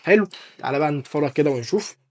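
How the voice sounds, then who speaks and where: A man with an Egyptian Arabic accent hosting a casual, joking software tutorial and talking straight to the viewer. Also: fairly high pitch, expressive, rapid-fire. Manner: chatty, joking, addresses viewer as dear artist. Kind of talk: casual screen-recorded tutorial.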